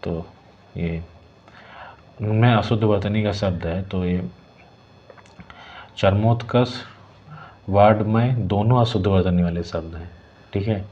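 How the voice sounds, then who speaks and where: Deep-voiced man tutoring, lo-fi. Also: dark tone. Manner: repeats words slowly, adds "ठीक है" checks. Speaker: Hindi exam tutor. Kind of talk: explaining exam questions, partly reading options. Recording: dull lo-fi sound with faint hiss.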